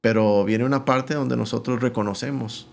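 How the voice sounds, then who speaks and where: A man's voice: mid-range voice, normal speed, gravelly. A middle-aged male pastor, a guest on a podcast, telling his life story and acting out the voices of the people in it. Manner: animated storyteller who acts out the voices in his anecdotes. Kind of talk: telling a personal testimony.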